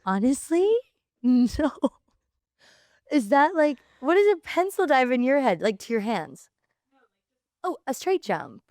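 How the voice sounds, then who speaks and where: A young woman guest on a casual podcast, bubbly and animated, telling stories and acting out playful voices. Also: high voice, takes it slowly, pauses often, dry recording. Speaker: guest, cliff diver.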